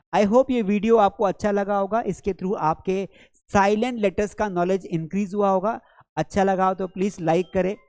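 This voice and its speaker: A man's voice: high voice, no echo. A man teaching English pronunciation in a video lesson, explaining patiently and calling viewers his children. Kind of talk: classroom-style video lesson.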